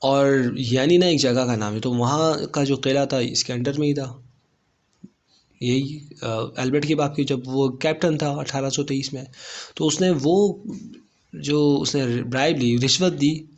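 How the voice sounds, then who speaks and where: A man's voice: mid-range voice, steady tone, unhurried, darkish tone. A man teaching a lesson, explaining a play step by step and mixing in English phrases.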